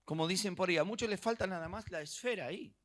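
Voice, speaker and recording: Argentine guy preaching, middle aged, kinda high voice, gets loud then real quiet. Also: fast talker. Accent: Argentine Spanish. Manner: animated preaching, acting out little dialogues, swinging from soft to loud. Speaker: pastor. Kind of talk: sermon.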